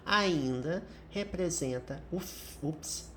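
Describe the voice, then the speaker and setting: A middle-aged Brazilian woman teaching English through a commented reading, with a low voice and a slow, unhurried pace. She explains each point patiently and keeps checking in with a quick tag question. Faint noise sits under her voice. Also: animated, a bit bright. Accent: Brazilian Portuguese.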